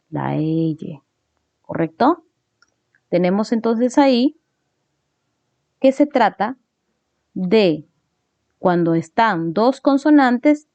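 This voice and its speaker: A woman teacher walks through a grammar lesson at an unhurried pace, checking in with listeners after each point. Her voice is soft and mellow, recorded close and dry on slightly dull, lo-fi audio. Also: medium pitch, no echo. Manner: explains step by step, checks in with frequent tag questions.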